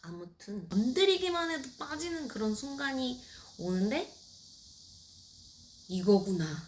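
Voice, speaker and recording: A woman's voice: medium pitch, lively intonation, normal speed, a little hiss or hum. A middle-aged woman telling her own story in a candid, lightly humorous way, speaking casually to the camera. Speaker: cancer patient vlogger.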